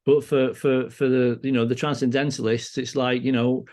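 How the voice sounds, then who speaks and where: A man's voice: mid-range voice, level tone, a little mellow. A Lancashire man speaking as a guest on a podcast. His voice sits in a middle register, and he talks casually, stumbling and restarting as he goes. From Lancashire, England. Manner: halting, many restarts and fillers. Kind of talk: casual conversation. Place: farm community temple in Scotland.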